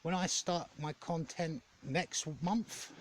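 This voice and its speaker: A man giving a casual, rambling vlog update in a hesitant, halting way, often correcting himself. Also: fairly high pitch, fairly even intonation. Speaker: gaming content creator.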